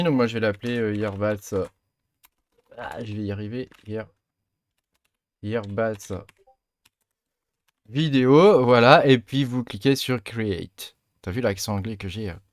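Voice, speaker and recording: A man walking viewers through a software tutorial in a casual, hesitant way, with many fillers as he clicks along. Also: medium pitch, measured pace, pauses often, no echo. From France. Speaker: crypto mining tutorial host. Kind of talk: casual screen-recorded tutorial.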